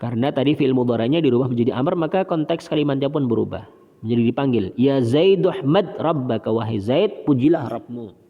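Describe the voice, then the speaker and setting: A man teaching an Arabic grammar lesson. He reads example sentences slowly and carefully, then explains them in quick, offhand asides. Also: mid-range voice, animated, big-room sound, narrow, tinny audio. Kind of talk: recorded classroom lesson.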